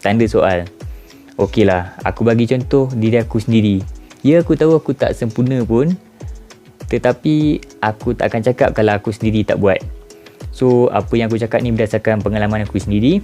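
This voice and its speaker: A man's voice: on the low side, fairly quick, dark tone, faint music behind. A man in his twenties with a Malaysian Malay accent, talking casually and reflectively to his viewers and asking them rhetorical questions. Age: 20s. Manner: informal, addresses viewers directly with rhetorical questions. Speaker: vlogger. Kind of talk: casual reflective monologue to camera.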